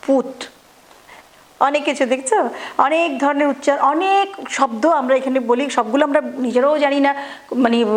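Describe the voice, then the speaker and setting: A woman with a high, light voice teaches a grammar lesson to schoolchildren. She explains patiently, circles back to rephrase, and fills pauses with small hesitations. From Bangladesh. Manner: explanatory, repeats and rephrases, frequent fillers.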